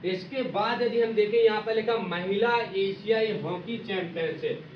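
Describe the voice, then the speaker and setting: A man's voice: high voice, normal speed. A male teacher giving an exam-prep lesson, playfully acting out little skits and asking again and again whether the students understood. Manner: repeats "samjhe nahin samjhe?" to check understanding. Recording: echoey, distant, dull audio with faint noise.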